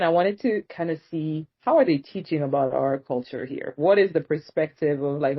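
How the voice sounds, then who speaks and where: A young Congolese woman speaking as an interview guest in relaxed casual conversation, often filling pauses with "um" and "you know". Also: deep voice, breathy edge. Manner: relaxed and chatty, with frequent fillers like "um" and "you know". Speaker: guest, nonprofit co-founder. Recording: dull lo-fi remote recording.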